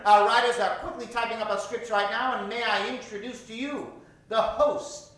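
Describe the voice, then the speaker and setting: A man with a high, steady, slightly bright voice hosts an improv comedy show, projecting theatrically at a moderate pace as he asks the live audience for suggestions. He plays the showman for the crowd, captured by a distant mic in a very echoey theater.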